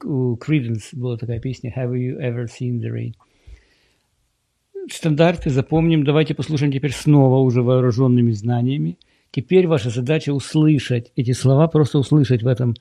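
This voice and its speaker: A man with a dark, mellow voice that has a gravelly edge, leading a relaxed English lesson over a shared screen. He explains things patiently and slows down to repeat English words. The sound is close and dry. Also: mid-range voice, no echo. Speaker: English teacher.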